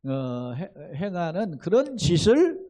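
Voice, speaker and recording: A man preaching an expository sermon as pastor, conversational and animated, asking rhetorical questions and acting out quotes. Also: sits high, slow.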